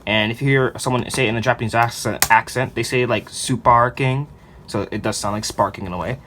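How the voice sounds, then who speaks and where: A man's voice: on the low side, steady tone, quick pace, background noise. A man casually unboxing and reviewing toys on his channel. He talks in a chatty, enthusiastic way, with loose fillers. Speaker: toy unboxing YouTuber.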